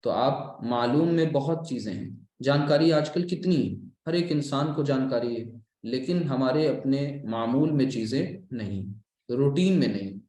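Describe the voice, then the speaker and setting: An Islamic course lecturer gives a religious lecture on Quran recitation in a medium-pitched, dark-toned voice, expressive and unhurried. He explains patiently like a teacher, repeating key terms, and the sound is reverberant.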